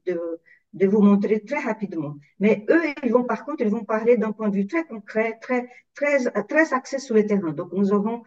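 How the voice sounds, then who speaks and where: A woman's voice: medium pitch, darkish tone, far from the mic, lo-fi sound. A woman moderating an online panel off the cuff, hesitant and repeating words as she goes. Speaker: webinar moderator.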